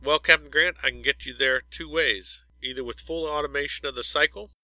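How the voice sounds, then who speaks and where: A man reading an audiobook, voicing a calm, neutral male ship computer that speaks politely and in a measured way. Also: medium pitch, no echo, pitched above the performer's own voice, poor audio. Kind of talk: audiobook character voice.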